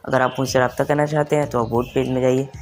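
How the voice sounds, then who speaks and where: Speaking at a racing pace with a flat delivery, a young adult man runs through a casual spoken tech tutorial for online viewers. His voice is fairly high for a man, and he mixes English words and phrases into his talk while background music plays.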